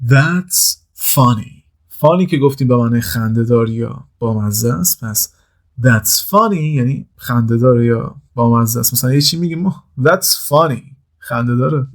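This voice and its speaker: A man runs a casual English lesson, his voice sitting at an ordinary middle pitch. He stretches out each English phrase slowly and clearly. Then he explains it in quicker, relaxed chatter. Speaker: English teacher.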